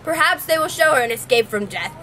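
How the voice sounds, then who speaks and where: A woman's voice: high-pitched, animated, a little fast, sharp tone, a little hiss or hum. A young woman playing a stern, wrathful tyrant king in an amateur stage scene, commanding and swearing oaths. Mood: cold.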